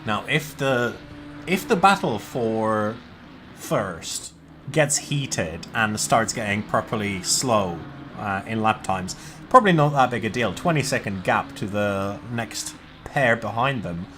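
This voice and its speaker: A man's voice: on the low side, animated, slow, a bit bright, a little hiss or hum. A man commentating a sim race in a casual, jokey way. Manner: jokey, swears, laughs between calls.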